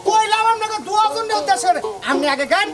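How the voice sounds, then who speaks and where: A woman's voice: extremely high pitch, fast talker, loud music behind the voice. A woman playing an outspoken village sister-in-law in a rustic comedy, scolding and lecturing. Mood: bossy. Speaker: sister-in-law arranging song lessons.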